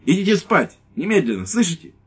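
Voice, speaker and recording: A man's voice: medium pitch, fairly quick, breathy edge, pitched above the performer's own voice, close to an everyday voice. A man voicing a stern police lieutenant who gives curt orders, in an audiobook. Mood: commanding. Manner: stern, commanding.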